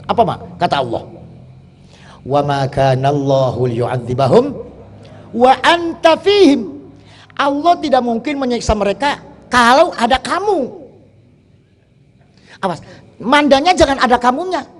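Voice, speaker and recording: A middle-aged man delivering a sermon with husky tone, often asking the listeners if they understand. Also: extremely high pitch, a little slow, long pauses. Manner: animated, repeatedly asking the audience if they understand. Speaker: preacher.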